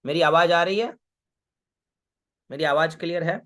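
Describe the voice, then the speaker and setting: A man teaching a Vedic chanting class online, chanting verses slowly and then patiently explaining each syllable's pitch, with frequent check-ins. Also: a bit bright. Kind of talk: online class, recitation lesson.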